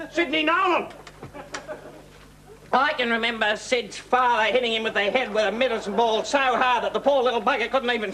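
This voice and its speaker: A man's voice: very high voice, sharp tone. A man playing a blustering, patriotic Australian father who lectures his son about winning, in a TV comedy sketch. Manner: ranting, lecturing, hectoring.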